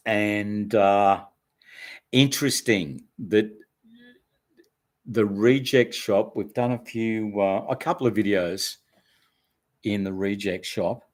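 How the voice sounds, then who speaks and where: Slow-talking Australian man chatting live. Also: on the low side. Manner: relaxed, rambling, self-deprecating, with many restarts. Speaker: host of a live stream, former radio presenter. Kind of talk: casual live-stream chat reading viewer comments.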